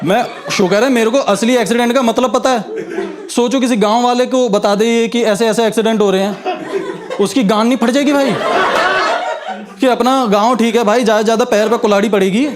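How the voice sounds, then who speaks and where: A man's voice: very high voice, fairly even intonation, fairly quick. A young male stand-up comedian on stage, telling crude, punchy stories to a live audience. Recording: live stage mic with crowd laughter.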